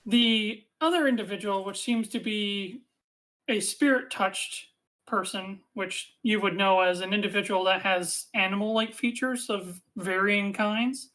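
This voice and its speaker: A woman narrating a tabletop game as game master, describing scenes in a measured way with frequent fillers. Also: medium pitch, fairly bright tone, poor audio.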